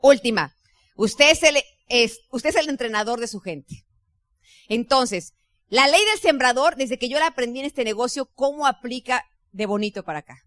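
A woman with a Mexican accent giving a motivational business talk as a team leader, chatty and lively, often imitating other people's voices. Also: fairly high pitch, no room sound, clean studio sound. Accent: Mexican Spanish. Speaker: network marketing team leader.

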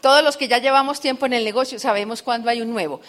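Woman giving an animated motivational speech. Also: fairly high pitch, quick pace. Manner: animated storytelling with rhetorical questions to the crowd. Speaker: motivational business speaker. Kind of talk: live motivational speech to an audience.

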